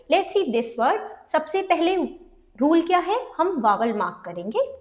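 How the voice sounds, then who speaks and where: Indian lady phonics teacher, high pitched, talks slow and clear, switches hindi and english. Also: darkish tone. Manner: mixes Hindi and English, asks "right?" often. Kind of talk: online phonics lesson.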